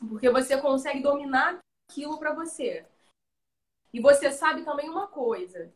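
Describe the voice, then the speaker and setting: Brazilian actress chatting on a live call, slangy and animated, echoey room. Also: female voice, high voice, normal speed. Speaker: guest, actress. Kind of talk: casual live chat. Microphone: video call. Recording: roomy echo.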